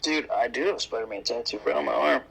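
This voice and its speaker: A man in his twenties co-hosting a casual podcast chat, laid-back and quick to laugh. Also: mid-range voice, creaky, a bit bright, husky, rough recording. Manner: laid-back, laughs easily, says "dude". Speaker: podcast co-host.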